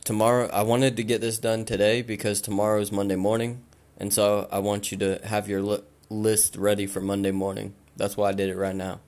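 A man hosting a podcast, giving blunt, casual advice and swearing freely, while he loses his voice and keeps clearing his throat. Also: on the low side, little pitch movement, brisk, hardly any pauses, a little mellow. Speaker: podcast host.

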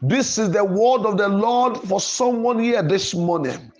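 A pastor serving as programme host offers an emphatic Pentecostal sermon and prayer, declaiming and repeating his phrasing. His voice sits high and is animated, and he speaks a little slowly. Music can be heard behind the voice.

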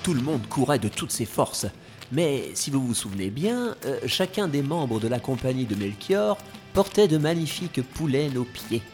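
A man narrating a storybook tale in a lively, playful way. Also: mid-range voice, normal speed, faint music behind.

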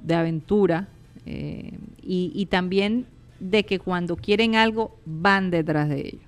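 A man's voice: high voice, measured pace, clean tone. Latin American man in casual conversation. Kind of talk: casual discussion.

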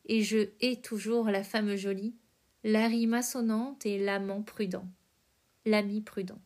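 Slow, measured woman reading poetry. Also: mid-range voice, fairly even intonation, darkish tone. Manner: slow, measured recitation with careful phrasing. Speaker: podcast host.

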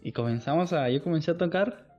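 Young man, slangy storyteller, somewhat high voice, dull lo-fi sound. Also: quick pace, dark tone, soft background music. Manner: slangy, teasing, tells stories with quoted voices. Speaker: podcast co-host. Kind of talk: casual chat.

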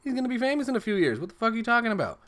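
Man putting on a high squeaky voice, brash young woman, defiant, rapid mocking delivery. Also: sing-song, full character voice. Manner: loud, fast, mocking.

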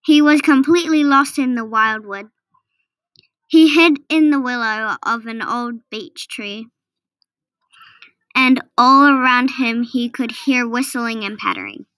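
A woman reading a children's storybook aloud, slow and careful. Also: a little high, a bit bright, no echo. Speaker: narrator.

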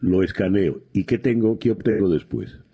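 A middle-aged man hosting a radio interview, talking in a measured, explanatory way with frequent hesitations. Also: sits low, expressive, mellow, slightly rough. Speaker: radio host.

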